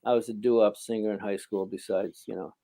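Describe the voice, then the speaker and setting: A man's voice: lowish voice, fairly even intonation, brisk, warm tone. An older American man from Philadelphia chatting casually as an interview guest, telling rambling anecdotes. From Philadelphia, United States. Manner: rambling storyteller.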